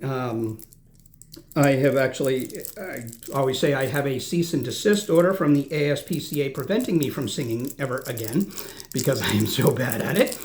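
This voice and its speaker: A man's voice: medium pitch, a little hiss or hum. A man hosting a snack tasting video, reading out product notes and chatting as he chews. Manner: self-deprecating, chatty, chews while talking.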